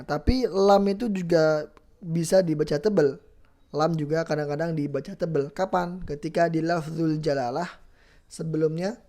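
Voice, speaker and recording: A Quran recitation teacher with a soft, mellow tone speaks at an unhurried pace. The teacher patiently repeats each letter and stretches the recited examples into slow chanting. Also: mid-range voice. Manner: patient, repeats each sound slowly, checks with a tag question. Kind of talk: tajwid lesson with recited demonstrations.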